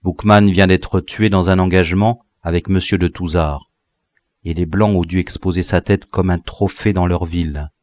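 Man doing a hushed, sly rebel officer. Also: sits low, fairly even intonation, normal speed, no room sound, voice pushed down, natural voice. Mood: worried. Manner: speaks very quietly.

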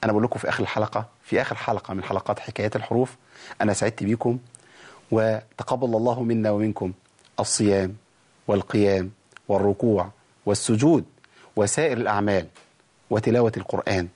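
Egyptian man teaching Quran recitation. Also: on the low side. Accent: Egyptian Arabic. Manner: demonstrates recitation slowly, stretching sounds; lively explaining, addresses the audience directly. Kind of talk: tajweed lesson on a TV show.

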